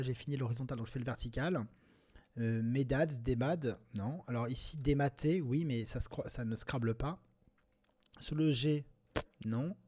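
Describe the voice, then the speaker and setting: A man playing Scrabble talks himself through each move, mostly in a low, half-muttered voice as he tries out letter combinations. Now and then he bursts into loud, delighted exclamations before settling back into his steady mid-pitched murmur. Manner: mutters word tries half to himself, with sudden excited outbursts. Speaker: Scrabble player commenting on his game. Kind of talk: thinking aloud while playing.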